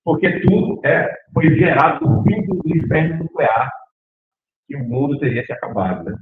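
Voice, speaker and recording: A middle-aged university professor from Northeast Brazil lectures in a lecture hall with lively animation, often asking the audience questions. He speaks at a moderate pace in a fairly high voice with a Northeastern accent. The audio is very noisy, echoey and tinny, like a phone.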